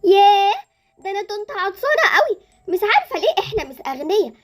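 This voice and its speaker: Woman playing a very high-pitched frightened girl, Egyptian accent, nervous stammering laugh, quick and swooping, music behind, Roblox story. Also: big pitch swings. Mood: chatty. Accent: Egyptian Arabic. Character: scared excitable young girl, the hero's sister.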